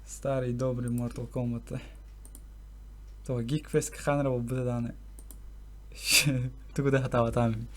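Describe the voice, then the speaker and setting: A man's voice: mid-range voice, little pitch movement, slow, pauses often. A man with as his language, chatting casually with a friend over a video game and swearing freely. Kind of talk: casual gaming chat with a friend.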